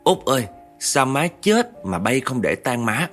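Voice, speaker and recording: A man's voice: on the low side, normal speed, a bit bright, soft background music, natural voice. A man doing a stern old grandmother. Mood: urgent. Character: elderly grandmother, woman, stern and worried.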